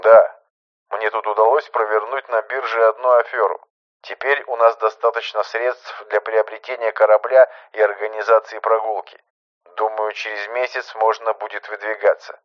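Middle-aged male boss, hushed and steady, as a male narrator voices him; muffled audio. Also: lightly acted. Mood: calm, firm. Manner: low, hushed, measured. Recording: muffled lo-fi recording.

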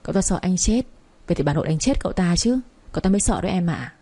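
A woman voicing a boastful, teasing young man in a storybook reading, with a husky voice. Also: on the low side, animated, racing, mellow. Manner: brash, teasing.

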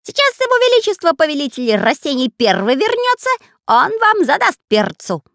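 A woman voicing a small, spiteful male parrot that screeches and shouts in a frantic, drawn-out way, read for an audiobook. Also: high-pitched, sing-song, no room sound, studio quality, pitched above the performer's own voice, full character voice. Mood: shrieking. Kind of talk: audiobook character voice.

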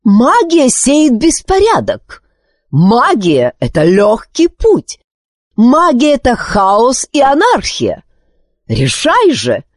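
A woman's voice: wildly swooping pitch, measured pace, a little mellow, slightly rough, no room sound, clean studio sound, exaggerated voice. A woman voicing a proud, cunning, hot-tempered queen who talks in an imperious tone. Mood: furious. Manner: imperious, shrill when angered.

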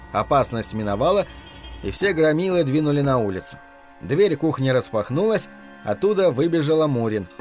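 A man's voice: medium pitch, darkish tone. A man narrating an audiobook in the first person, telling the story with dramatic shifts for the characters.

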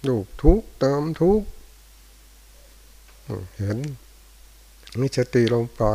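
An older male Buddhist monk, giving a dharma talk in short, unhurried phrases with pauses. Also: mid-range voice, mellow, rough recording. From Thailand. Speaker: monk teacher. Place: monastery hall after morning chanting.

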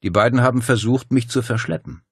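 A man voicing an earnest, composed female police commissioner in an audiobook, speaking in a measured, explanatory way. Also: mid-range voice, steady tone, gravelly, husky, no room sound, clean studio sound, pitched above the performer's own voice. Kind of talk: audiobook character voice.

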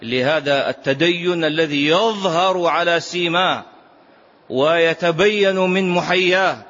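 Higher-voiced man teaching, dull lo-fi recording. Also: a little slow, a bit bright. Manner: repeats key phrases for emphasis; asks rhetorical questions, prompts listeners with "ha?". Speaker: sheikh teaching a classical text. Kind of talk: religious lesson.

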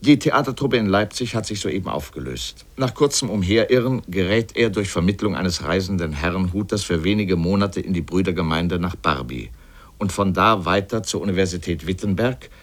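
A man voices an erudite, sardonic narrator in a scripted literary radio essay, speaking deliberately and pointedly. His voice is low-pitched and animated.

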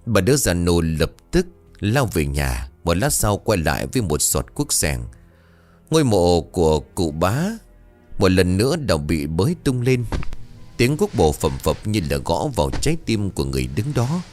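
A man narrating a scripted ghost story in a dramatic, expressive way. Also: deep voice, moderate pace. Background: faint music.

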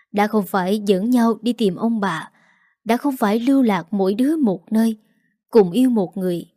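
A woman's voice: mid-range voice, warm tone, no echo, studio quality, natural voice. A woman voicing a remorseful grandmother near seventy who pleads her apologies through tears. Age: older.

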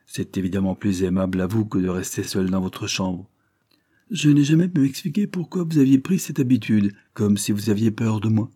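A man reading aloud voices a light-hearted, mocking Victorian gentleman, teasing in tone. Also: on the low side, animated, moderate pace, slightly rough. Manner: teasing, jocular.

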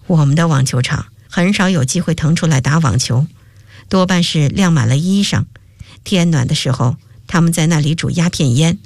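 A woman's voice: low voice, normal speed, darkish tone, dry recording, clean studio sound. A woman reading a radio story, voicing a bitter, lonely young male student with a sour, wry tone.

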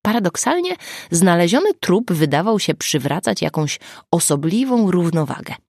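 Low, gravelly woman audiobook narrator. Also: big pitch swings, normal speed, darkish tone, dry recording, clean studio sound.

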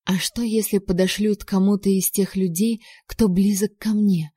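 A woman narrating a first-person audiobook in a measured, expressive storytelling manner. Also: mid-range voice, breathy edge, no room sound, clean studio sound.

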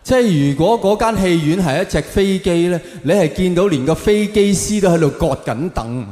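A stand-up comedian with a Hong Kong Cantonese accent and a high, animated, dark-toned voice performs a monologue in a large live venue, telling stories theatrically with drawn-out, exaggerated punchlines. The echoey hall has long reverb, faint noise, and soft background music.

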